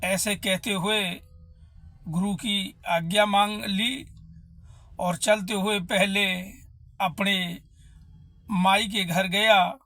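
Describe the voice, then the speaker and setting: A man's voice: sits high, steady tone, extremely slow, long pauses, pushed and bright. A man telling a devotional story, emotive and addressing listeners as brothers.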